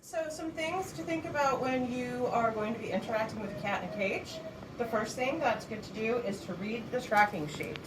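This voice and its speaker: Woman, gentle volunteer trainer, a bit high, recorded from afar with room noise. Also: normal speed. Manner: soft and patient, high sing-song baby talk to cats. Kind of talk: instructional walkthrough. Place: animal shelter cat room. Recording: echoey room, voice from a distance, audible background noise.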